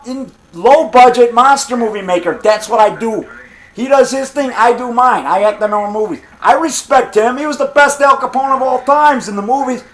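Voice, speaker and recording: High-pitched, defiant middle-aged man arguing. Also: fairly bright tone, rough recording. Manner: defiant, boastful, punctuating with "brother" and "pal". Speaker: low-budget monster movie maker. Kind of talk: combative, off-the-cuff argument, one side of a phone call.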